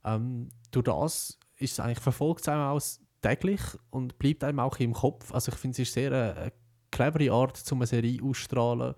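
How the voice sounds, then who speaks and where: A man's voice: mid-range voice, fairly quick, creaky, a little mellow. A young man with a Swiss German accent hosting a podcast in a casual, conversational, reflective monologue. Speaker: podcast host, broadcaster intern.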